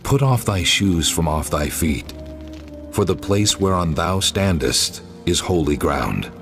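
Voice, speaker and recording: The voice of God in a scripture audio drama. It is a very deep male voice, grave and full of command. Soft music sits behind it. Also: animated, slow pace, exaggerated voice. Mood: solemn, commanding. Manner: solemn, commanding. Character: God, solemn commanding ancient divine voice.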